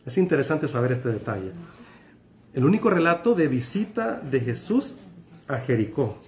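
Animated man preaching a sermon. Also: mid-range voice, moderate pace. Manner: animated, frequent tag questions to listeners. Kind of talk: sermon to an online congregation.

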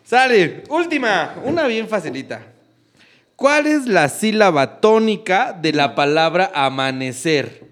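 Brief: Mexican podcast co-host, man, bright and animated, slangy and teasing. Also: high voice, unhurried. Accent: Mexican Spanish. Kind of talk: casual quiz banter.

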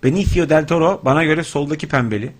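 A man's voice: fairly high pitch, fast talker. A man co-hosting a casual radio show, teasing crudely and laughing often.

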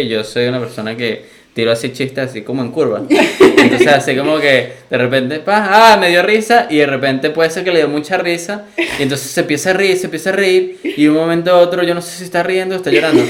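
Man in lively laughing chat. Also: a little high, brisk, reverberant. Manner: laughing, animated storytelling. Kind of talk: casual podcast chat.

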